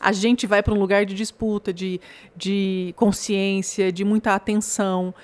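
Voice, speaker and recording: A woman's voice: mid-range voice, little pitch movement, a little slow, a little mellow. A woman, a business consultant and podcast guest, speaking in an earnest, emphatic way in a casual conversation.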